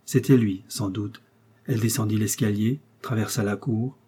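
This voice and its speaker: A man reading a classic novel aloud in measured, expressive narration. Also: lowish voice, slightly rough. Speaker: audiobook reader. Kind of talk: scripted literary narration.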